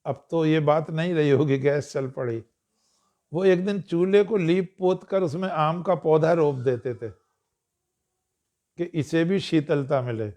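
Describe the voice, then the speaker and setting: A man delivers a storytelling discourse to an audience at a measured pace, clearing his throat from time to time. His voice is slightly high with a warm tone.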